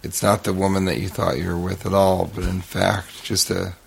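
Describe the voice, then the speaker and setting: Gravelly-voiced man riffing crudely. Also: low voice, level tone, moderate pace, slight background noise. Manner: crude absurd riffing, mock-indignant. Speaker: podcast co-host. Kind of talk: live comedy podcast banter. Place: hotel room with live audience.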